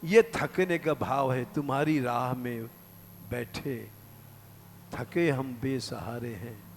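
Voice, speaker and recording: A man's voice: medium pitch, slow, a little hiss or hum. An older man, preaching a devotional story earnestly in a temple hall. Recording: live hall reverb, faint ambience.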